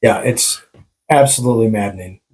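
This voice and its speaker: A man's voice: fairly low pitch, brisk, a little mellow, rough recording. A man from rural Wisconsin, co-hosting a casual podcast chat, ranting heatedly and swearing freely. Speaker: podcast co-host.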